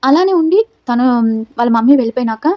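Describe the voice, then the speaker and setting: A woman talks quickly in a soft, mellow voice that sits a little high. She hosts her own channel and runs through a reality-show recap in a casual, chatty way, slipping into the contestants' quoted lines as she tells it. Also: lively intonation. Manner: chatty retelling that acts out the quoted dialogue. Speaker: YouTube channel host.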